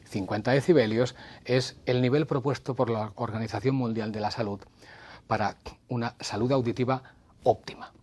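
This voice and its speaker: Male TV presenter, husky mid voice, explains to camera and demonstrates loudness himself. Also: mid-range voice, steady tone, normal speed. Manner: demonstrative, shifts from whispers to raised voice. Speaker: TV health segment presenter.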